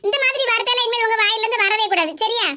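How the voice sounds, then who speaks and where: A woman voicing a kind, earnest young woman in an animated cartoon, with a Kanyakumari Tamil accent. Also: very high voice, very fast.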